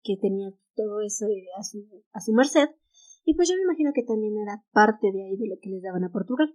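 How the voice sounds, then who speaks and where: The audio is poor, but you can hear a woman with a Mexican Spanish accent talking quickly at medium pitch in a darkish tone. She co-hosts a relaxed history podcast, reading from notes, fumbling English titles, and laughing readily.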